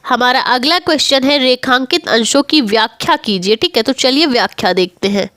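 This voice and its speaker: High-voiced woman teaching a lesson. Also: animated, normal speed, a bit bright, no room sound, clean studio sound. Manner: explains step by step, repeats "ठीक है" and rhetorical questions. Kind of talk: exam-prep lesson, reading passages aloud.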